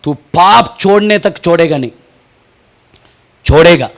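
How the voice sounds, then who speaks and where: A male pastor preaching with fervor, his voice high-pitched and gravelly. He takes his words slowly and swings from shouted peaks to hushed asides. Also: animated. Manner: asks questions and answers them himself. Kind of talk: impassioned Hindi sermon.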